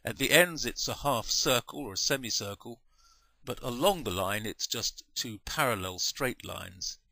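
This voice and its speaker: A man talks through a maths lesson in a patient, measured way, pausing to correct his own slips. His voice is bright and clear. The sound is dry and close, with no room around it. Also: mid-range voice, animated, no echo. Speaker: maths teacher. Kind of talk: explaining a maths lesson over diagrams.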